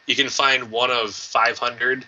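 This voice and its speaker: A man's voice: medium pitch, level tone, unhurried, bright, forceful tone, muffled recording. A young man co-hosting a casual gaming stream, giving short replies and laughing often. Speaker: co-host. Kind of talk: casual live-stream chat.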